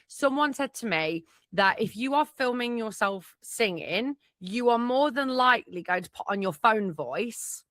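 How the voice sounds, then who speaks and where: Bright chatty woman, close dry mic. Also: on the high side, a little slow, hardly any pauses, no echo. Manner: chatty, animated storyteller. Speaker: podcast host. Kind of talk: casual chat.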